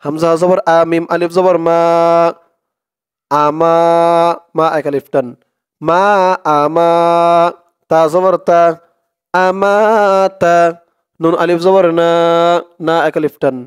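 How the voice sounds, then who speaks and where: A man with a Bangladeshi accent teaches Arabic prayers. He spells out the syllables quickly, then chants the whole words slowly. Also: on the high side, steady tone, a little mellow, smooth, no room sound, studio quality. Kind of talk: spelled-out recitation lesson.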